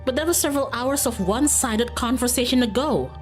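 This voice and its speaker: This time the streamer's voice is on the high side and brisk. She's livestreaming a visual novel over faint game music, reading the game's text aloud and breaking off now and then for casual, self-teasing, playful remarks to viewers.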